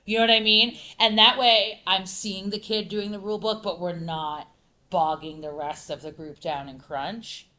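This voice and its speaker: A woman middle school teacher speaking on a conference panel, animated and full of fillers and restarts. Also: mid-range voice, normal speed.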